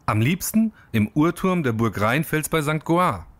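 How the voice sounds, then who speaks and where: A man narrating a children's storybook film in an expressive, animated way. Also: fairly high pitch, a little slow, a little hiss or hum.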